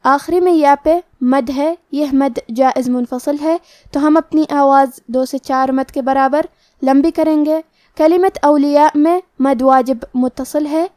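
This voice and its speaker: A woman's voice: high-pitched, warm tone, no echo, studio quality. A woman with a Pakistani Urdu accent, teaching Quran recitation rules, explaining each letter step by step in a methodical way. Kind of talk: tajweed lesson with slow recitation.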